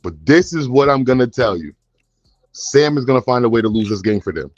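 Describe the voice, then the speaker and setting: A man's voice: mid-range voice, lively intonation, fairly quick, a little mellow, dull audio. A man on a sports panel, arguing his points emphatically and insistently. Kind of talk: casual sports chat.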